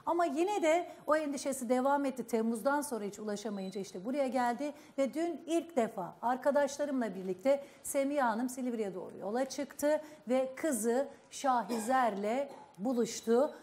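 A woman's voice: high voice, moderate pace, hardly any pauses, a little mellow. A woman presenting a live studio talk show, briefing viewers and questioning her guests. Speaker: TV program host.

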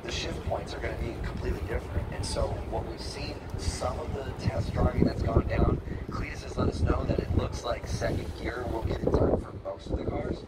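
A man giving live race commentary, explaining the start and the drivers in a steady play-by-play manner. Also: mid-range voice, a little fast, hardly any pauses. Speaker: race announcer. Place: outdoor racetrack, heard from the grandstand. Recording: distant loudspeaker sound, loud outdoor noise.

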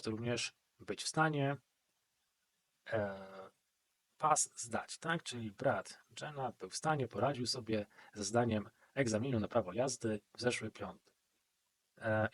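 A man's voice: mid-range voice, breathy edge. A man teaching an English exam-prep grammar lesson and speaking English with a Polish accent, who explains step by step and keeps checking in with a questioning "right?".

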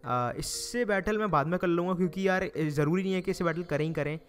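A young Indian man with a Hindi accent and a slightly high voice talks through his game in a loose, chatty way. He groans and pleads with the game, and faint game music plays under him. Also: fast talker, fairly bright tone. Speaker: gaming YouTuber. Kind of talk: casual Let's Play commentary.

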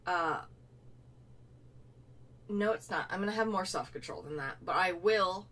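A young woman with a fairly low, fairly bright voice speaks at a measured pace in a casual unboxing vlog. She's playful and self-mocking, occasionally talking while chewing, and a distant mic leaves faint room noise audible.

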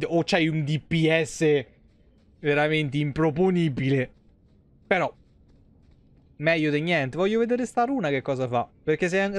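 A young adult streamer in a small room at home gives foul-mouthed, casual gameplay commentary, reacting animatedly to the game and chat. His voice is a little high, with no room sound.

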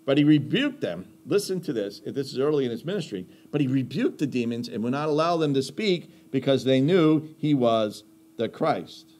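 A man's voice: medium pitch, expressive, normal speed, a little mellow. A man gives a conversational sermon with a mid-range voice. He stresses his points hard, poses rhetorical questions and circles back to repeat key lines. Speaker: Bible teacher.

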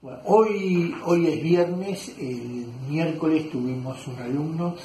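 A man's voice: on the high side, slow pace, dark tone, a little hiss or hum. Rambling Argentine man in an echoey workshop. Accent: Argentine Spanish. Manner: rambling, self-correcting with many fillers. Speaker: leatherwork teacher. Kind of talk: casual workshop chat. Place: leather workshop.

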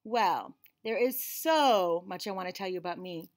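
This woman's voice runs on the low side at a moderate pace. An American in her forties, she serves as a read-aloud host and teacher, expressively reading a picture book to young children and adding friendly teaching asides, inside a small room furnished with shelves and cabinets.

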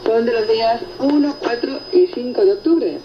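Over noisy shortwave reception, a female radio host reads and answers listener reports in a conversational presenting style. Her voice sits on the high side at a normal pace, and the muffled, echoey signal is buried in loud static.

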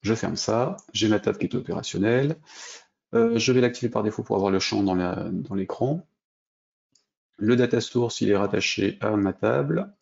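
A French man with a low, gravelly, dark voice walks through a coding tutorial, thinking aloud with frequent hesitations and restarts. The audio is dull and lo-fi, with mouse clicks behind him. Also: normal speed. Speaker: programming instructor. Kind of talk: screen-recorded coding tutorial.

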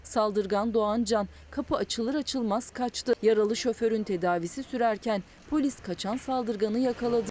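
Female reporter voice-over, fairly high pitch, faint hiss underneath. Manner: measured, even report reading. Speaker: news reporter. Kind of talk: scripted news voice-over.

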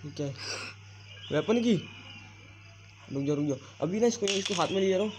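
A man's voice: high-pitched, animated, normal speed, a little mellow, a little hiss or hum. A man commentating live gameplay, urgently repeating commands to his partner. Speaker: gamer playing with a partner. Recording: dull lo-fi audio over game music.

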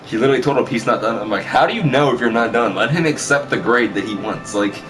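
A medium-pitched man's voice moves at a quick pace as this teen or young adult vlogger swaps school stories in a casual chat from a small bedroom. He's brash and sweary and tends to repeat himself, and the distant camera mic also captures loud music.

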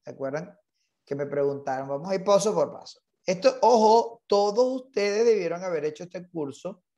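A man's voice: on the high side, gravelly, a little mellow. A man leading an online real estate training class, insistent and repetitive, mixing English terms into his Spanish.

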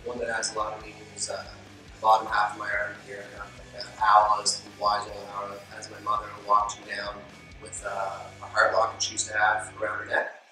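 A man's voice: lowish voice, monotone, fairly quick, bright, forceful tone. A twenty-two-year-old man speaking matter-of-factly in a seated interview. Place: studio with gray backdrop. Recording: very echoey, mic off at a distance, music bed.

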